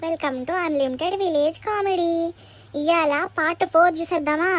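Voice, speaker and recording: A woman's voice: very high voice, unhurried. A woman hosting a cartoon comedy channel with a Telangana accent, giving a chirpy intro. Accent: Telangana Telugu. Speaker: channel host.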